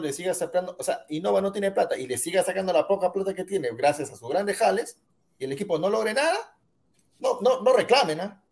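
A man's voice: sits high, a little mellow. A man co-hosting a football podcast, stubbornly insisting and repeating his point. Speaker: podcast co-host. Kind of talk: heated football debate.

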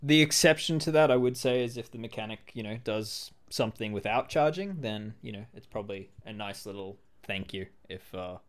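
A man's voice: on the low side, a little fast, hardly any pauses. Man musing with lots of ums. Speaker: podcast co-host. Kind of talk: casual podcast chat.

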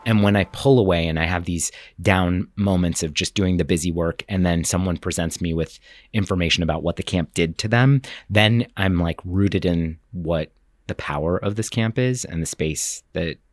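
A man's voice: sits low, normal speed, dry recording, studio quality. A man talking earnestly about the camp he founded, rambling with fillers and restarts, choked up at times. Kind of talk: interview clips.

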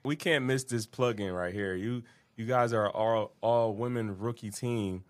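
Male podcast host with a fairly low voice, easygoing and rambling with fillers. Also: measured pace. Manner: rambling, repeats words, many fillers. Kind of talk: casual interview questions.

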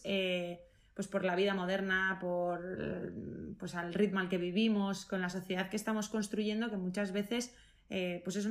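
A woman speaks as a nutritionist in a relaxed interview. She sounds eager and talks her ideas through, restarting her sentences and leaning on small fillers as she goes. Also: medium pitch. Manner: enthusiastic, thinks aloud, rephrases with many fillers. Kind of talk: casual interview answers.

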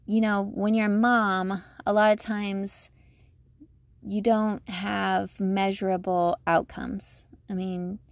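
A woman's voice: mid-range voice, a little mellow, no echo. A woman giving casual motivational advice like a vlogger, chatty, emphatic, upbeat and encouraging.

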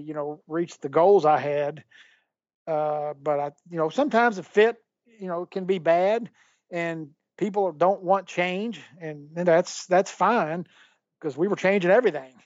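A man's voice: on the high side, darkish tone, no room sound, muffled recording. A middle-aged man answering questions in a candid interview, stopping and restarting often, with many fillers and hiccups. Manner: halting, repeats words, many fillers. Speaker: guest, former sports executive.

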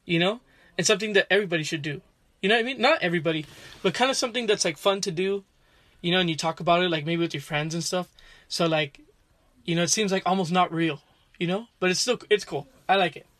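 A man's voice: high voice, fast talker, fairly bright tone, dry recording. A young man co-hosting a casual podcast inside a closet, rambling with lots of filler words. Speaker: podcast co-host. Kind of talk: casual chat. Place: inside a small closet at his parents' house.

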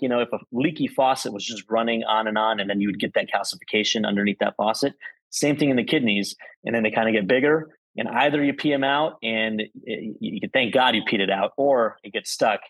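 A man, a urologist guest on a podcast, calmly explaining medical issues in plain words. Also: on the low side, fairly quick, breathy edge, no echo, rough recording. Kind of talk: explanatory interview answers.

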